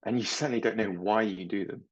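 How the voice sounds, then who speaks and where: A middle-aged man and mindset coach talking slowly and reflectively, telling small stories about his children. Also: on the low side, breathy edge, muffled recording. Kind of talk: reflective talk to camera.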